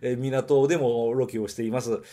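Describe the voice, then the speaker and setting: A man's voice: mid-range voice, fairly even intonation, moderate pace, warm tone. A man from Nagoya hosting a podcast, talking through a film review in a chatty, digressive way and correcting himself as he goes. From Nagoya, Japan. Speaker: podcast host reviewing films. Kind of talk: casual solo film review monologue.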